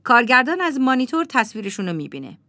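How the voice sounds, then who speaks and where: Brief: woman reading scripted audio description, with lively intonation. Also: a little high, no echo. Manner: plain, even reading.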